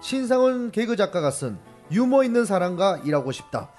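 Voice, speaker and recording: A man's voice: sits high, big pitch swings, a little fast. A man co-hosting a comedy show, teasing others bluntly. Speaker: comedy co-host. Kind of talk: comedic banter. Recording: reverberant with loud music underneath.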